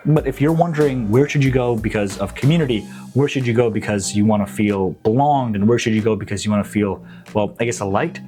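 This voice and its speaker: A man's voice: medium pitch, a little mellow. Upbeat young man, slangy vlogger. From Nepal. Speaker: real estate agent. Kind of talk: casual promotional vlog.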